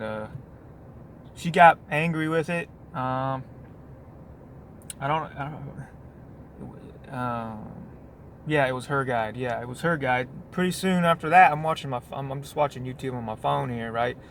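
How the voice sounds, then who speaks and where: A man's voice: fairly high pitch, a bit bright, slight background noise. A man talking casually on his work break, rambling in a loose monologue with many restarts and asides. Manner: meandering, full of restarts and "you know what I mean". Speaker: vlogger.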